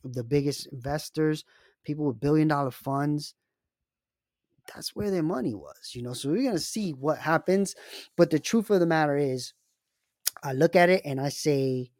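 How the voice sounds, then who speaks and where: A man's voice: fairly high pitch, normal speed, darkish tone, no echo, clean studio sound. A man hosting a casual personal finance talk, speaking emphatically and turning to the listener with frequent asides. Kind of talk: casual monologue with storytelling.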